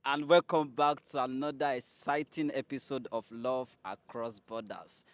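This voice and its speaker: A man hosting a casual interview show, energetic, with steady "mm" backchannels. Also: mid-range voice, moderate pace, no room sound. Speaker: host.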